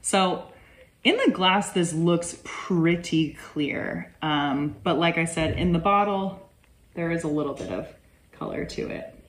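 A woman's voice: lowish voice, measured pace, a little hiss or hum, poor audio. A woman casually reviewing and tasting rums, chatty and full of "like" fillers. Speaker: rum reviewer. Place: indoor room at home.

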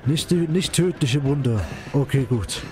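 A man's voice: mid-range voice, unhurried, music in the background. A man giving casual commentary while he plays a video game. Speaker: let's player commenting on a game.

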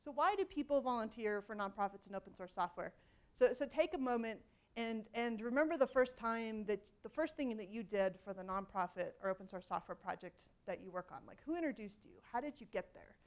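A woman in her forties speaks from a conference stage through a headset mic, her voice sitting a little high. She talks in a loose, conversational way, full of ums and restarts, with a self-deprecating humor. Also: expressive, brisk. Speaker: keynote speaker. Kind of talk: conference keynote talk. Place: large conference hall stage.

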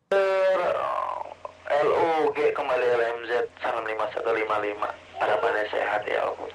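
A man's voice: mid-range voice, fairly even intonation, moderate pace. A man who operates an amateur radio, chatting in clipped call-sign codes and signing off each turn with "over", heard through a two-way radio transmission. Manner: clipped, ends turns with "over". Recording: hissy radio transmission, sometimes distant.

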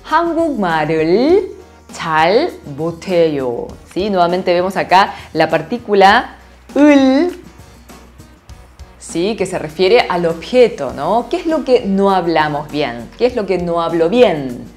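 A woman teaching a lively online Korean lesson, laughing often and checking in with her students. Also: on the low side, measured pace, faint music behind. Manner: animated, laughs often, asks "¿sí?" constantly.

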